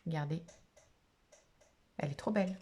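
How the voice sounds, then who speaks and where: A woman's voice: low voice, normal speed, warm tone. A woman vlogger opening craft mail in a casual chat to camera, gushing and exclamatory, full of little fillers.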